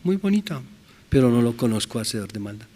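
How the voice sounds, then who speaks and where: A man's voice: mid-range voice, big pitch swings, fast, mellow, slightly rough, long reverb tail, voice pushed down. Pastor putting on a stern heavenly king judging sinners. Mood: dismissive.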